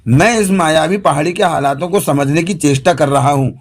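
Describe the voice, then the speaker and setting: A man voicing a raspy masculine spirit who speaks through a woman's lips, evasive and measured, in an audiobook. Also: on the high side, natural voice.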